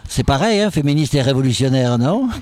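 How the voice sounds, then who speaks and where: A man's voice: mid-range voice, animated, brisk, darkish tone. A man hosting a live radio interview, jovial and chatty, dropping Occitan phrases into his French. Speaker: radio host.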